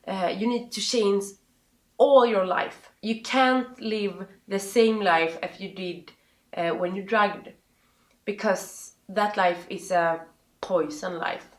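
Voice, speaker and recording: A woman with a Swedish accent, a native Swedish speaker, gives personal advice as an interview guest, haltingly searching for words. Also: mid-range voice. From Sweden. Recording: roomy, echoing sound.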